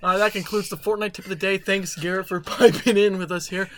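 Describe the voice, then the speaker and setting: A man's voice: sits high, steady tone, fairly quick, a crowd in the background. A young man hosting a casual podcast, telling work stories in a rambling way with laughs. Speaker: podcast host. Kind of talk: casual chat.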